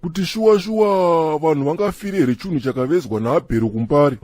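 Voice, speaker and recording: This studio-quality, echo-free recording features a slightly high male voice close to an everyday one. An actor portrays Chikombera, a chatty Zimbabwean cartoon apostolic church member, in comic dialogue. He is lively and excitable, speaking fast while he argues and laughs.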